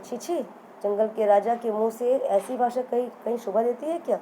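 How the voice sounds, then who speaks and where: A woman voicing a small, bold, boastful female fly who taunts in a high, mocking way while telling a storybook tale. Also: steady tone, fairly quick, mellow, slight background noise, close to an everyday voice, rough recording.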